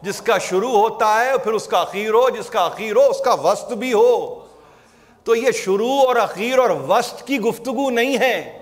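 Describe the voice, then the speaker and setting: A man giving a religious lecture on scripture to an audience, slow and emphatic, drawing out single letters and words. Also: very high voice. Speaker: Quran lecturer. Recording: long hall reverb.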